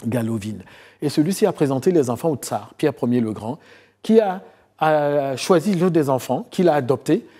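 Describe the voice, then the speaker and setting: A middle-aged man from Côte d'Ivoire, a historian, giving long answers in a TV interview, often pausing with fillers and repeating phrases. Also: on the high side, expressive, mellow, breathy edge. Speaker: historian and author guest. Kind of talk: TV interview, recounting his research.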